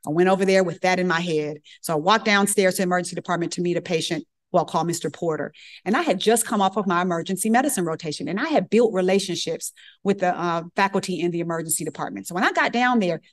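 A middle-aged woman physician with a lowish voice gives a lecture as a lively, colloquial personal story, acting out the voices of the people she quotes.

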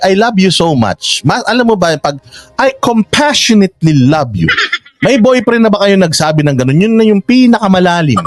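High-voiced sarcastic male commentator. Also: no echo. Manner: sarcastic, argumentative. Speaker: political commentator. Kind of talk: casual political commentary.

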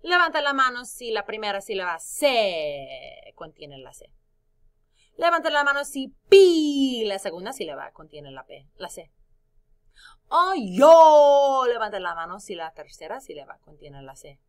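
A woman's voice: lowish voice, sing-song, sharp tone. A woman teaching a phonics lesson to young children, stretching out syllables and singing little sound cues. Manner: slow and drawn out, sings out syllables and sound cues.

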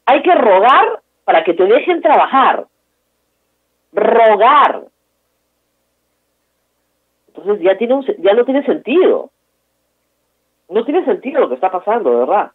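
A woman's voice: medium pitch, very animated, measured pace, pauses often, breathy edge. A woman from Peru hosting a political talk show, giving emphatic, opinionated commentary and repeating key words for stress. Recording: tinny phone line.

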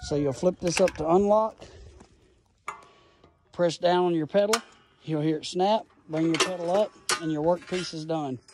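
Man, high-pitched voice, chatty and excited DIY reviewer, phone mic, faint noise behind. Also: moderate pace, pauses often. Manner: enthusiastic, folksy, rambling explanations. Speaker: tool reviewer. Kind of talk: casual phone-filmed tool review. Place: outdoors in a gravel yard, then a garage. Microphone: phone camera held in hand.

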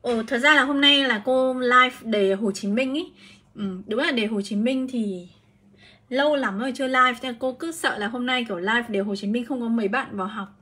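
Speaking at a moderate pace, this woman has a slightly high voice that is pushed and bright with a breathy edge. She teaches English in Vietnam and is live-streaming a chatty exam prep class, explaining each answer one step at a time.

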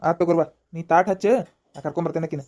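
A woman doing a gruff old cartoon husband with a North Karnataka accent. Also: low-pitched, fairly even intonation, racing, a little mellow, lightly acted. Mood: gruff coaxing. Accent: North Karnataka Kannada. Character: grumpy old husband, hungry and teasing.

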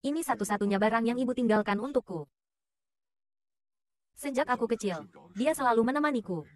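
A woman's voice: a little high, animated, a little fast, no room sound. A woman dubbing a short drama, voicing all the roles in her own everyday voice. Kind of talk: dubbed short drama dialogue.

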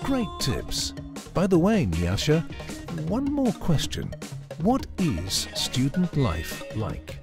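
Lively woman reading interview questions, big pitch swings, music playing under. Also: slow pace. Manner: bright, very lively intonation. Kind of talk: scripted voice-over questions.

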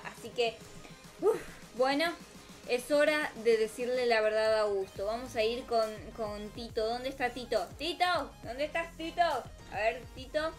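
A woman with an Argentine accent improvising theatrical role-play commentary over gameplay, talking to viewers and herself. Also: high-pitched. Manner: theatrical, melodramatic, talks to viewers and self. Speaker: gaming video host. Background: music.

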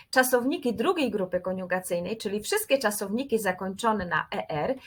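A woman with a slightly husky voice teaches grammar in a scripted lesson. She moves step by step and repeats each pattern, and her pitch rises and falls in a lively way. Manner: clear, methodical, repeats patterns. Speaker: Spanish teacher.

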